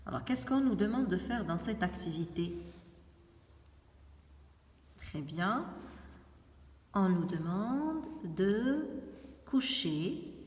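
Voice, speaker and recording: A woman teaching young children to read, speaking slowly and splitting words into syllables, asking questions and then answering them herself. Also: mid-range voice, animated, darkish tone, echoey room, long reverb tail, distant mic. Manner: slow, spells out words syllable by syllable. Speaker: primary school teacher. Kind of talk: reading lesson for young children.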